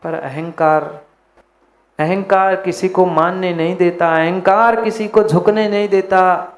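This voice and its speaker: A man's voice: sits high, steady tone, slow pace. A man, a monk, preaching a sermon, repeating his phrases for emphasis and speaking straight to his listeners.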